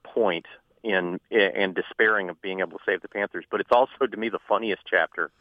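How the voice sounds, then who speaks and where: A man who is a journalist and author, guest on a radio interview, an animated storyteller who laughs often. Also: deep voice, a little fast, no echo, narrow, tinny audio.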